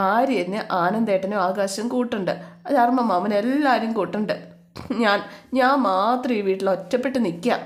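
A woman's voice: medium pitch, lightly acted. A woman voicing a tearful, self-pitying young wife who pleads and reproaches her husband in a retold family story.

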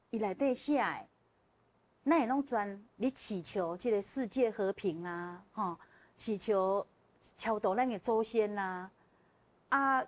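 Animated woman telling a story. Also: medium pitch. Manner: animated, often laughing, with vivid emotional retelling. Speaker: guest sharing a personal testimony. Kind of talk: casual spoken storytelling.

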